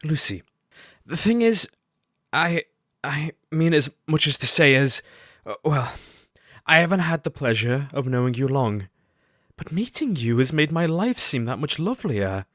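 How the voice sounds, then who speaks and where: Shy, hesitant Victorian gentleman doctor, played by a man. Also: a little high, very animated, measured pace, no room sound, clean studio sound. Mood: nervous, hopeful. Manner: hesitant, formal, stammering politeness. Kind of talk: audio drama dialogue.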